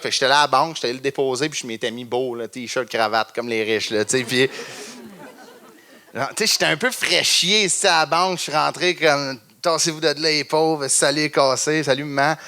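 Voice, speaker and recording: A man's voice: medium pitch, pushed and bright. A young man with a Québécois accent doing a stand-up comedy set on stage, self-mocking and chuckling between lines as he acts out little scenes. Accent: Québécois French.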